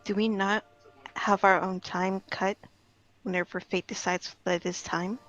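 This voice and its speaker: A woman playing a gentle, earnest fae-touched woman in a tabletop game, speaking in measured, philosophical riddles. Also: mid-range voice, flat delivery, lo-fi sound, faint music behind, lightly acted. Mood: earnest, reflective.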